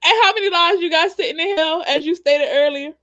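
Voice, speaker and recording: Brief: woman host, high voice, animated and defensive, on muffled lo-fi call audio. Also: a little fast. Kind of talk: casual chat.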